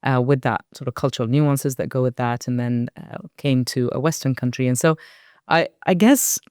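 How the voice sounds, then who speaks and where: An Iraqi woman in her forties who sits on a company's board speaks reflectively as an interview guest, measured and thoughtful, with soft fillers. Her voice is very deep and smooth, captured in a dry, studio-quality recording.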